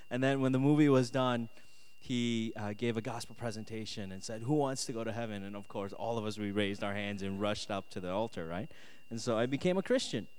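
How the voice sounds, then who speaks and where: A man with a clean, medium-pitched voice preaches conversationally to students, reading scripture and sharing personal testimony while asking "right?" and "okay?". He is from South Korea and moved to the US at ten. The hall echoes with a long reverb.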